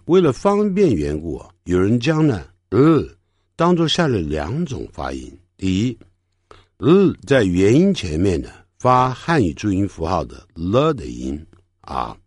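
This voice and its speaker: A man giving a pronunciation lesson, explaining sounds patiently and repeating practice words slowly for learners to copy. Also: low voice, very animated, darkish tone, husky, no echo, clean studio sound. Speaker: English teacher.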